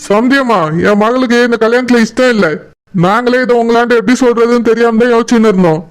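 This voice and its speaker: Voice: medium pitch, steady tone, fast talker, close to an everyday voice. A performer voicing a worried father of the bride in a cartoon, earnest and apologetic, with a Kanyakumari Tamil accent. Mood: firm. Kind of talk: cartoon voice acting.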